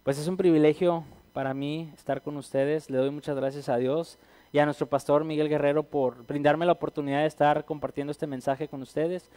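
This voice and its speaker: Man, sermon, high voice, smooth, echo of a church hall, earnest and building. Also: steady tone, brisk. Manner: earnest, builds to loud cries when quoting. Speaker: guest preacher.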